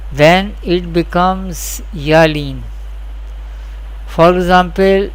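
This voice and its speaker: In this poorly recorded clip, a medium-pitched teacher runs a scripted Quran recitation lesson. The explanation moves deliberately through a pattern of repeated questions and answers, and the examples are spelled out.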